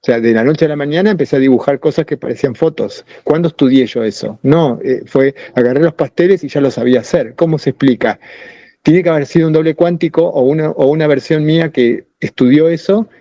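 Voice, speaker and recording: A man's voice: fairly high pitch, fairly quick, mellow, dry recording, lo-fi sound. A man with a Rioplatense Spanish accent talking casually on a podcast, rambling through ideas with many restarts. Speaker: podcast co-host.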